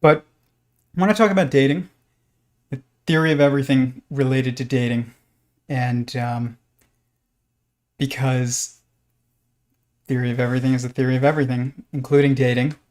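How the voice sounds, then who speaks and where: Halting, casual man hosting a livestream, scratching behind. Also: mid-range voice, fairly even intonation, darkish tone. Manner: halting, rambling delivery. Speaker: live stream host. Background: pet lizards scratching in background.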